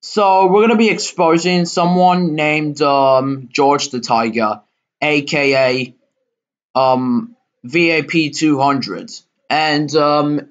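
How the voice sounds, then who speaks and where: A man hosting his own channel, delivering an indignant, rambling rant full of fillers and halting restarts, with sudden outbursts. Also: a little high, a bit bright. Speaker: channel host. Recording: dull lo-fi recording.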